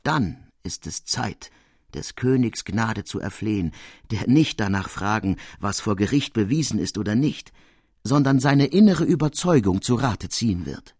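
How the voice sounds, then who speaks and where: A man's voice: on the low side, animated, a little mellow, breathy edge, no echo, clean studio sound. A man reading a cautious old legal adviser. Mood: grave. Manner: slow, deliberate counsel.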